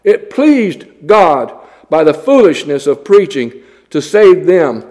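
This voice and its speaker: High-pitched guy preaching, blunt and scornful, reads old scripture. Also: big pitch swings, takes it slowly, a little mellow. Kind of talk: sermon.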